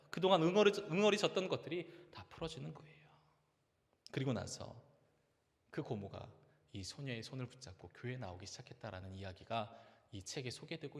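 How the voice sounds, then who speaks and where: A man's voice: fairly high pitch, a bit bright. A male pastor preaching a sermon in a church, telling a story and urging his listeners earnestly. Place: church sanctuary. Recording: long reverb of a church hall.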